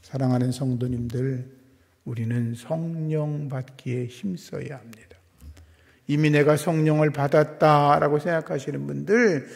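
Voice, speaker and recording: Senior pastor, male, preaching in a church hall with long reverb, high gravelly voice, loud urging with phrase endings that fall away to a hush. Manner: swings between loud exhortation and hushed, trailing phrase endings. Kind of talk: sermon at a Friday prayer service. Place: church sanctuary.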